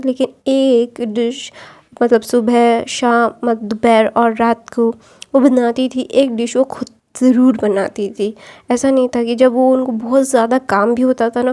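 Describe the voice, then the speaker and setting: A woman's voice: on the high side, warm tone. A woman casually retelling a fan story, rambling, searching for words and correcting herself as she goes.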